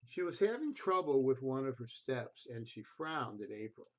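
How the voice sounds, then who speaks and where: A man reads a storybook aloud for children, speaking expressively and deliberately and addressing the listener directly. The low-fi recording is slightly muffled.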